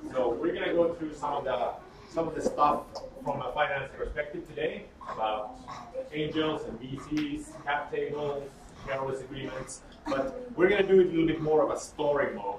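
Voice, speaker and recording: A man's voice: on the high side, normal speed, crowd noise. A man, giving an informal, joking workshop talk full of fillers. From Sweden. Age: 30s. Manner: candid and joking, with frequent fillers. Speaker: workshop speaker. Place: workshop room. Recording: roomy, distant mic, audible noise.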